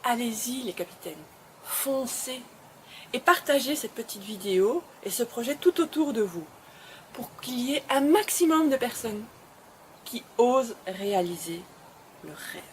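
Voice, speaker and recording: A woman's voice: fairly high pitch, lively intonation, measured pace, slight background noise. A woman hosting her web show, speaking to camera in an encouraging, emphatic way and often repeating phrases. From Belgium. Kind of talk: motivational address to camera.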